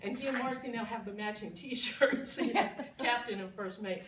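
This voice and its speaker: A woman telling a lively, laughing story as a party guest giving a toast. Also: on the high side, normal speed, a crowd in the background. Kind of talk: storytelling speech. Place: party room. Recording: echoey room, distant mic.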